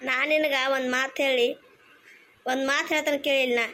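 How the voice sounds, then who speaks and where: A woman's voice: sits high, steady tone, a little fast, pushed and bright. A woman with a North Karnataka accent voicing a consoling elder neighbor in a cartoon, firm and reassuring. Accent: North Karnataka Kannada.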